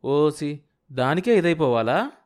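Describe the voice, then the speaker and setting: A man voicing a doting young husband who gently coaxes and soothes. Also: fairly high pitch, big pitch swings, unhurried. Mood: soothing. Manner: gentle, coaxing.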